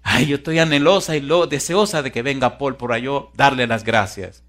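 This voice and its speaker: A man's voice: mid-range voice, normal speed, fairly bright tone, pitched above the performer's own voice, close to an everyday voice. A man voicing a terrified woman survivor who pleads desperately, acted within a sermon. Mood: insistent.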